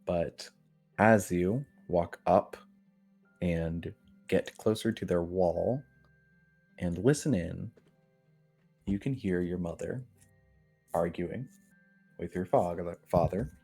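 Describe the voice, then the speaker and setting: Brief: male game master, deep and unhurried, narrates scenes with many fillers. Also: gravelly, mellow, breathy edge, soft background music. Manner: measured, with frequent fillers.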